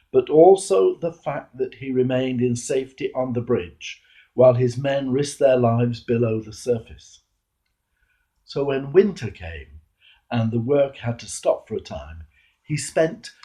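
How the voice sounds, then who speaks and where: An older British man, a clergyman, reads a homily aloud with measured earnestness, pausing deliberately and stressing his words. His voice is medium in pitch and warm in tone.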